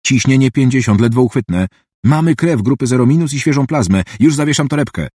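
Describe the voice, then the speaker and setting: A man's voice: medium pitch, expressive, brisk, warm tone, slightly rough, dry recording, clean studio sound, pitched above the performer's own voice. A man reading an audiobook, voicing a decisive female trauma surgeon who gives urgent, clipped commands.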